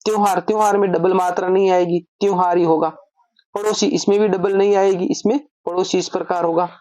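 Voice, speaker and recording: A woman's voice: on the low side, steady tone, brisk, mellow, no room sound. A woman teaching an online grammar lesson, explaining step by step and asking and answering her own questions.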